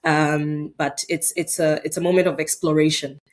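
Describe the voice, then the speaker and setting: A woman's voice: low-pitched, level tone, moderate pace. A middle-aged woman from Ghana, a scientist answering interview questions thoughtfully. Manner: thoughtful, with frequent um fillers. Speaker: guest scientist. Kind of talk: interview conversation.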